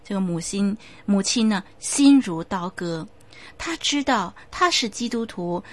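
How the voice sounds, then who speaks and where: Brief: a woman preacher telling a sermon story, steady and emphatic, with occasional fillers. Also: mid-range voice.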